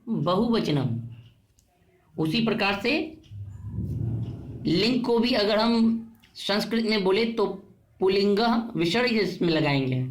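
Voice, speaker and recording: Female teacher, mid-pitched, patient recorded lesson, reads word lists slowly. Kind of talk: online class lesson.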